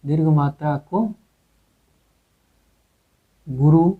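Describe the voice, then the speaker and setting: A man's voice: on the high side, steady tone, drawn-out words. A male teacher giving a grammar lesson, asking questions and answering them himself with many repetitions. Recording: tinny phone-like recording.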